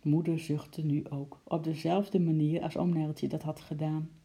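A woman reading a children's story aloud in a gentle, expressive way. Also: low-pitched, measured pace. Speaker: narrator.

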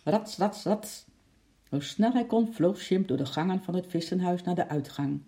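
A storyteller reading a children's story aloud in a lively, expressive way, with sound effects. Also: mid-range voice, brisk.

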